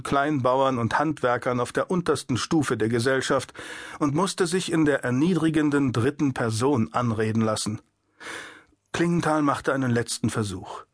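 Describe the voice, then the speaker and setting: A man narrating an abridged audiobook in an even, measured storytelling manner. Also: medium pitch, no echo, clean studio sound.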